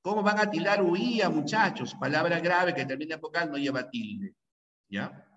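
A man's voice: on the high side, animated, normal speed, fairly bright tone. A male language teacher giving a classroom lecture, repeating rules again and again and checking in with students. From Peru. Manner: repeats key rules over and over, drilling students; asks frequent checking questions. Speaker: pre-university language teacher. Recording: echoey room, distant mic, dull sound.

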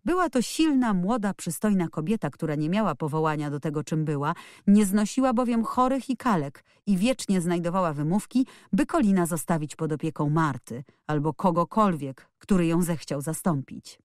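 Audiobook narrator, woman, lively swinging delivery, lowish voice, dry close studio sound. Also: normal speed, few pauses, dry recording. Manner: expressive, lively storytelling. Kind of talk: scripted narration.

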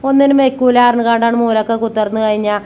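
A woman's voice: on the high side, steady tone, rapid-fire, warm tone, slight background noise. Chatty homey woman vlogger. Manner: affectionate, calls viewers "children", frequent tag particles. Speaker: family vlogger. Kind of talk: homey chatty voice-over about housework.

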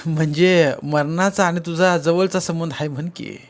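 This is a man playing a shrewd village headman who interrogates with steady, needling questions. His voice runs a bit high, with a lilt. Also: moderate pace, lightly acted. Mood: probing. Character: sly accusing village headman, middle-aged man.

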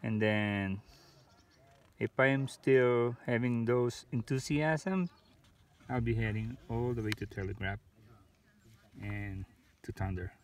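A man in his thirties films himself hiking a mountain for a casual vlog, holding a phone at arm's length outdoors. He talks in an unhurried, mid-range voice, full of fillers and restarts.

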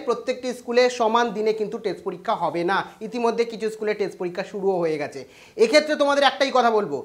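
A host giving an exam news update to students, talking quickly with frequent "ah" fillers and English loanwords. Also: medium pitch, fairly bright tone. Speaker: education news channel host.

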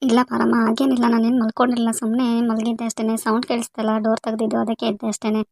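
A married daughter home on a visit , played by a woman, talks politely at a very fast clip. Her voice sits fairly high and stays even, recorded dry and close. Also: no echo. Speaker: daughter in a family skit. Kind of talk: amateur village family skit.

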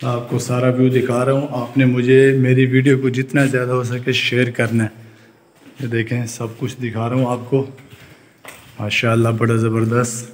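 A man's voice: mid-range voice, flat delivery, normal speed, a little hiss or hum. Eager young man filming a farm tour. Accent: Saraiki-region Urdu. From Pakistan. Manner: enthusiastic, repeats phrases like "look at this". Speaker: vlogger. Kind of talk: casual vlog tour. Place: outdoors at a farm and building site. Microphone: phone camera, selfie at arm's length.

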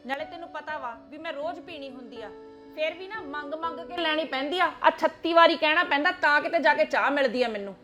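Woman acting as older grandmother in a family drama, high voice, scolding, nagging, faint music behind. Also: a little fast, sharp tone. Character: sharp-tongued scolding grandmother, nagging mother-in-law.

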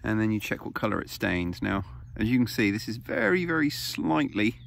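Holding his phone close, a thirties-aged man films a foraging vlog out on a grassy hill, explaining things casually with plenty of fillers. His fairly low voice is creaky and sing-song, at normal speed.

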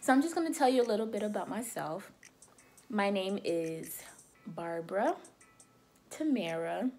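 A woman's voice: medium pitch, animated, normal speed, darkish tone, soft background music. A woman from Liberia talking casually to camera as a beauty vlogger, chatty and loose with frequent "um" and "you know".

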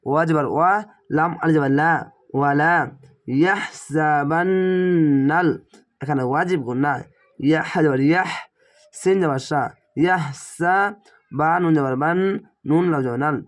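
A man with a slightly strained throat teaching Quran reading, spelling out Arabic syllables one by one and drawing out the recited words. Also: a little high.

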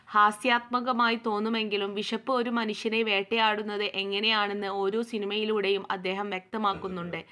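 A woman's voice: mid-range voice, pushed and bright. A woman teacher reading a school lesson aloud, going steadily through a play script and study notes with a few small slips.

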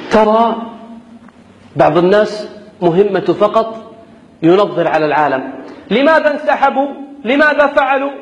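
A man's voice: fairly high pitch, lo-fi sound. A young man preaching a fiery sermon, impassioned and exhorting, with rhetorical questions and recited scripture. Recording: echoey, long reverb.

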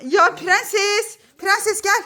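A young mother filming a casual family vlog at home, excitable, laughing and squealing in fright. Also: very high voice, drawn-out words, background noise. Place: indoors at home.

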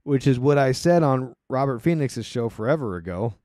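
A man's voice: mid-range voice, expressive, normal speed, a little mellow, no room sound. Guy rambling on his podcast, sarcastic asides, dead dry sound, no room at all. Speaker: podcast host. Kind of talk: casual solo commentary.

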